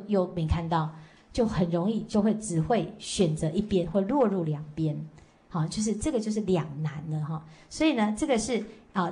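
A female Buddhist teacher with a medium-pitched, slightly mellow voice gives a dharma lecture to a class. She tells stories, often tagging her sentences with short fillers like "好" and "哦." At the close she leads chanting at a slow, measured pace.

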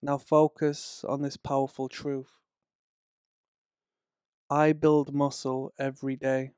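A man reading a slow, soothing guided relaxation and hypnosis script in a measured way. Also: medium pitch, flat delivery, a little mellow, smooth, no echo, studio quality.

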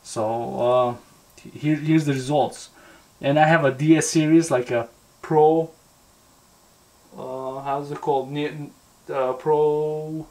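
A product reviewer and vlogger with a higher male voice talks casually while testing something at a tabletop indoors. His tone is steady and warm, and he's halting and repetitive, thinking aloud as he goes.

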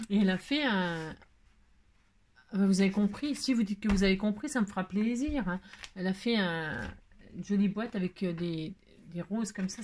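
Chatting casually to her viewers as she goes through her mail, a woman craft vlogger speaks in a mid-range voice with a darkish tone. Slight background noise is present, and she is effusive and gushing, repeating exclamations and often trailing off to restart.

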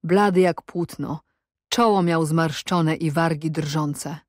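Slow low-voiced woman narrator. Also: no room sound, studio quality. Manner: measured, even storytelling. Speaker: audiobook narrator. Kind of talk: scripted narration.

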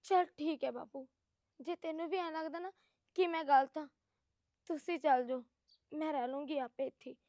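A woman's voice: high voice, steady tone, moderate pace, long pauses, dark tone, dry recording, clean studio sound. An actress playing a young wife who insistently pleads that she has been wronged. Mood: pleading. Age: young adult.

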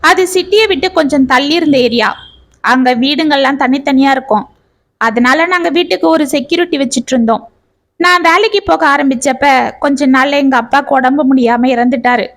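High-voiced woman reading a family story. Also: fairly quick, fairly bright tone.

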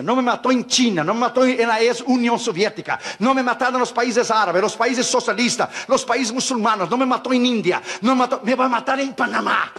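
A man preaching a sermon, telling a story with lively, acted-out dialogue. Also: high voice, husky. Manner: animated storytelling, acting out dialogue. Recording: live sermon in a reverberant hall.

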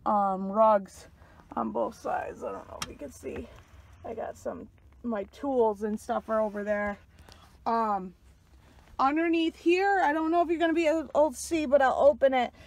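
A woman's voice: high voice, a little hiss or hum. A woman in her thirties from New York, chatting casually as she gives a video tour of her truck cab, rambling with lots of fillers, recorded on a handheld phone. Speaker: truck driver vlogger. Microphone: phone camera held in hand.

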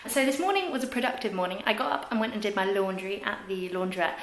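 A woman's voice: medium pitch, quick pace, low-quality recording. A young woman in her twenties talking to a handheld camera at arm's length, chatty and upbeat, laughing often as she vlogs through her travel day. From England. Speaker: travel vlogger. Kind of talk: casual vlog. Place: city streets and buildings, indoors and out.

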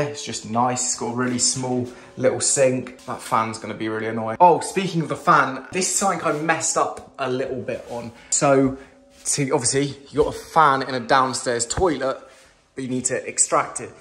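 Walking through a large kitchen with his phone in hand, a young English vlogger narrates a tour of his renovated house in first person. His voice is medium-pitched and a bit bright, and he's chatty and enthusiastic, using casual slang.

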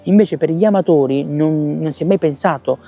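A man's voice: a little high, normal speed, creaky, dark tone, faint music behind. A man, earnestly presenting his theatre project outdoors at night, with many fillers and restarts. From Italy. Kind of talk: promotional interview. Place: outdoor town square at night. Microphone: lapel mic.

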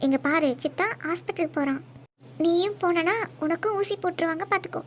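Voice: extremely high pitch, a little fast, lo-fi sound, a little hiss or hum. A woman voicing a firm, scolding old grandmother in a cartoon. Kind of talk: cartoon voice acting.

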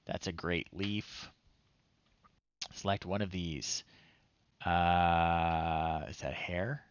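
In a low, smooth voice with a steady tone and a very slow pace, a man in his thirties hosts a retro game show stream from a small home room. He commentates casually, reading on-screen text with amused, playful asides, and the close-up recording is dry and slightly dull.

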